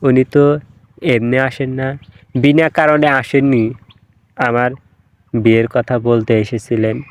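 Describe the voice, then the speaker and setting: A man's voice: medium pitch, level tone, slow pace, no echo, close to an everyday voice. A man voicing a weary, irritable young mother of three who snaps at her children. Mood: flat. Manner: sharp, irritable.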